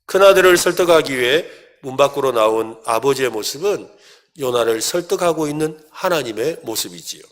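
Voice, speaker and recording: A middle-aged male pastor preaching a sermon, asking the congregation questions and building to loud, emphatic passages. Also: medium pitch, animated, fairly quick.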